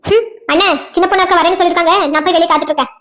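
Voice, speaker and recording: A woman's voice: very high-pitched, fairly even intonation, racing, a bit bright. A woman with a south Tamil accent voicing characters in a cartoon drama, delivering fiery, scolding retorts. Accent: south Tamil Nadu dialect. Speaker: voice actor for a cartoon series.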